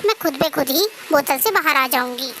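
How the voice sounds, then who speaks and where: A woman's voice: high-pitched, lively intonation, normal speed, pushed and bright, a little hiss or hum. A woman voicing a kind female fairy trapped in a bottle in a cartoon story, pleading for help and then gracious. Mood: urgent. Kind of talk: cartoon voice acting.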